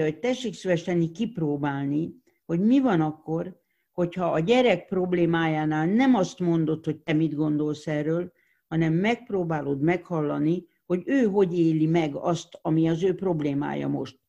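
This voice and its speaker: Gravelly, dark-toned explainer on a dull recording. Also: medium pitch. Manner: thoughtful, explains with examples and restarts. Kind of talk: explanatory interview talk.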